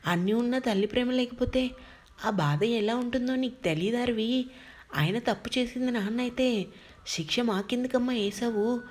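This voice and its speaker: A woman's voice: a little high, normal speed, a little mellow, natural voice. A woman voicing an emotional young man who pleads to be understood. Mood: pleading.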